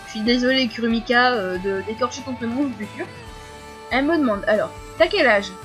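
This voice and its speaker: A fifteen-year-old girl answering viewer questions in a casual vlog, talking fast with many fillers and frequent giggles. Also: a little high, fairly bright tone, soft background music. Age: teens.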